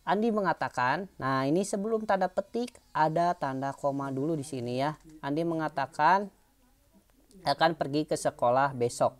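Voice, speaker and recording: A woman's voice: sits low, moderate pace. A woman teacher giving an online lesson, explaining patiently in a chatty way with fillers and tag questions.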